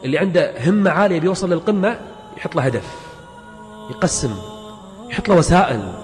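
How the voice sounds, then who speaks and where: Fast, high-voiced preacher. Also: male voice, animated, darkish tone. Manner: emphatic, rapid rhetorical questions and repetition. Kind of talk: motivational sermon. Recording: long hall reverb with background music.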